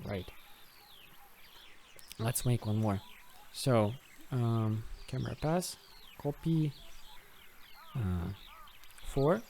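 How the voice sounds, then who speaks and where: In an unscripted screen recording, a man hosts a video game modding tutorial, thinking aloud step by step in a hesitant way. His medium-pitched voice is mellow, with slight background noise.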